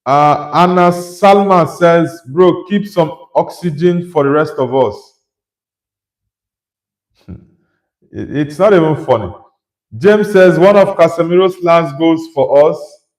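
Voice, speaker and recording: Speaking slowly and pausing often, this young man from Nigeria runs a laid-back football stream where he reads out chat messages and gives his take on them. His pitch is fairly high, and the audio has a roomy feel.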